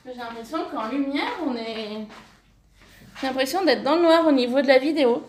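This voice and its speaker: A woman's voice: sits high, moderate pace, echoey room, slight background noise. A woman chatting casually through a haul video of craft papers, enthusiastic and full of fillers, correcting herself as she goes. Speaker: scrapbooking vlogger.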